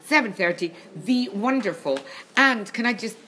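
Female co-host, mid pitch, emphatic off-the-cuff announcements, echoey bare room with background noise. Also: animated, normal speed, sharp tone. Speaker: co-host and venue owner promoting shows. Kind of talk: casual rambling banter and announcements. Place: small echoey venue behind a charity shop.

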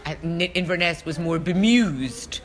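Low-voiced woman telling a story. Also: animated, measured pace. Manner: chatty storyteller, wry and teasing. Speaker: podcast co-host. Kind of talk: casual chat.

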